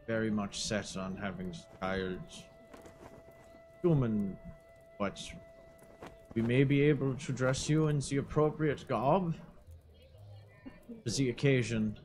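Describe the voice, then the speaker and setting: A man's voice: lowish voice, a little mellow. A man speaking formally in character during a tabletop game. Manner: measured and formal. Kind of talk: slow, formal in-character speech. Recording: music playing under the voice.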